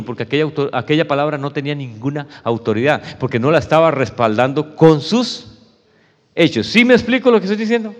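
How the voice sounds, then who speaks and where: High-voiced preacher in a reverberant hall. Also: male voice, dull audio. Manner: addresses listeners as "hermano", emphatic and conversational. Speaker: pastor. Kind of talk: sermon.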